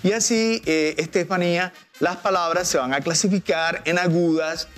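Didactic man explaining with slow examples. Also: sits high, fairly bright tone, soft background music. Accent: Colombian Spanish. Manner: patient, didactic, drawing out example words. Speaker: language teacher guest. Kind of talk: explanatory TV interview.

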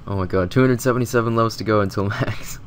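A deep-pitched man sounding sick and congested, his nose stuffed up. He talks casually and loosely over gameplay, drifting between thoughts with frequent fillers. A faint hum of background noise sits behind him. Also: fast. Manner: rambling, relaxed, lots of filler words. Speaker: gaming video host. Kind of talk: casual game commentary voice-over.

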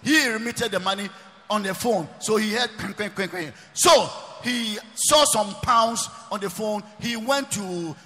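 High, forceful preacher in a hall. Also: male voice, slow pace, soft background music. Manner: emphatic, repeats phrases, often shouts. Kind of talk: preaching sermon. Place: large church hall. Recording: long reverb of a large church hall.

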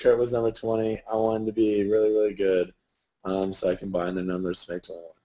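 A young man co-hosting a live chat, reading out viewer messages with playful, excitable banter. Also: lowish voice, fairly quick. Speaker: co-host, former math teacher. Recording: muffled lo-fi audio.

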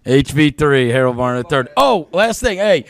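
A man hosting a casual interview show, joking and teasing with quick questions, recorded on a studio mic in a lounge room. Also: on the high side, big pitch swings, gravelly. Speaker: show host. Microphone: studio mic with headphones.

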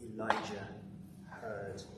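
An older preacher in his 60s or beyond gives a sermon from a lectern inside a large church. His voice sits on the low side with a completely flat delivery, yet his very slow, dramatic pacing swells to loud, forceful phrases before dropping very quiet. He sounds distant from the mic, with echoing church reverb and some background noise.

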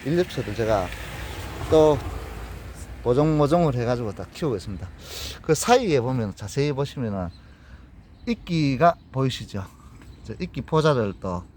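A man with a Gyeongsang Korean accent, giving an unhurried, casual walkthrough of his plants outdoors and in a greenhouse. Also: mid-range voice, darkish tone, a little hiss or hum. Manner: plain, unhurried, pointing things out.

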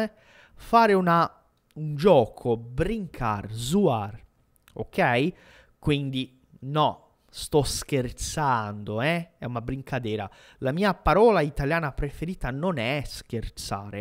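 A language teacher giving a live online lesson, repeating words for practice, asking viewers questions and switching between Italian and Brazilian Portuguese. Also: medium pitch. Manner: animated, repeats words slowly for drilling and asks viewers questions.

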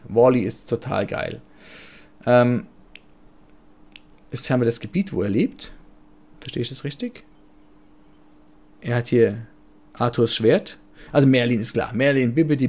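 A man's voice: mid-range voice, animated, unhurried, long pauses, mellow. A man from Germany giving chatty, rambling, blunt and jokey commentary while playing a life-sim game. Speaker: let's play gamer. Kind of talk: casual gameplay commentary.

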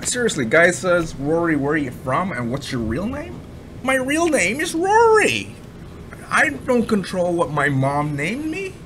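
A slightly slow, very animated man whose voice sits high and sounds a bit bright gives casual commentary over a screen recording. He's an online marketing reviewer from Ottawa, Canada, blunt and rambling, repeating himself and swearing at times, with background noise audible.

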